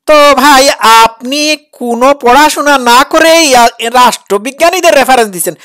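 A woman giving reaction commentary in a mocking, sarcastic and challenging way. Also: fairly high pitch. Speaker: critic reacting to a preacher's clip.

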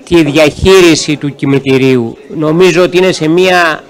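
A man speaking as a city councillor, addressing the chair with hesitant, filler-laden formal remarks and explaining voting procedure. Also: a little high. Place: council chamber.

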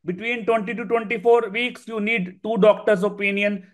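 A man with a North Indian accent and a high-pitched voice teaches in an informal way. He drives points home by repeating key phrases, slipping between English and Hindi as he explains. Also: steady tone, normal speed. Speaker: medical exam instructor.

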